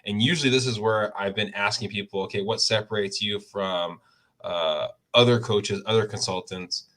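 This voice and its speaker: Bright-toned podcast host, a man. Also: on the low side, steady tone, moderate pace. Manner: friendly, self-correcting, stumbles over names. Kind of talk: casual interview chat.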